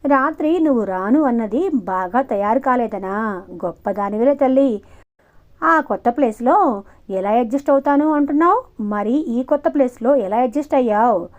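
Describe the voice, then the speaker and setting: A woman's voice: fairly high pitch, moderate pace, a little mellow, natural voice. A woman voicing a teasing, sarcastic young man who is an older cousin, reading audiobook dialogue. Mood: mocking. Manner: mocking, sarcastic. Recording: muffled lo-fi recording.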